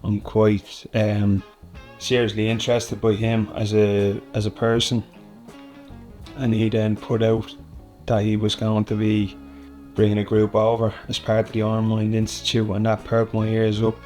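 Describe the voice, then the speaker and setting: Flat-toned man over faint guitar. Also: fairly low pitch, measured pace. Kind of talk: documentary interview.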